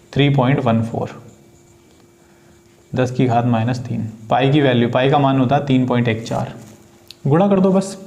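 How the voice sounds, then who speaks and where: A man's voice: mid-range voice, darkish tone. Male tutor, mid-range voice, patient step-by-step classroom explainer. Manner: patient, addresses students as beta, asks and answers own questions. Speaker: physics teacher. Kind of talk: classroom problem-solving lesson.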